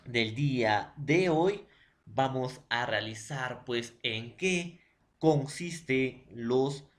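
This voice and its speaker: A man's voice: medium pitch, expressive, drawn-out words. A man teaching a secondary school lesson. He repeats points, asks his own questions and answers them. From Peru. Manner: addresses students as "jóvenes". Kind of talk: recorded classroom lesson.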